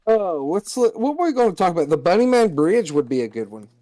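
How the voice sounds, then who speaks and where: A man's voice: high voice, big pitch swings, quick pace, warm tone, no room sound, clean studio sound. A man co-hosting a casual livestream, loose and profane in his talk, chatting with viewers and reading a spooky legend aloud. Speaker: livestream co-host.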